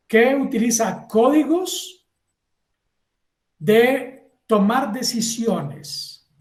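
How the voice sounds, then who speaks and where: A man giving a university lecture, lively, acting out little scenes and asking the class if they follow. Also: very high-pitched, roomy sound. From Colombia. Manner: animated, acts out little scenes and asks the class for agreement.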